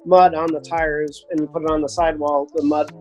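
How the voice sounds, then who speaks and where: A man, a bike race mechanic, chatting in a relaxed, joking way about his tools. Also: on the high side, fairly quick. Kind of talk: casual chat.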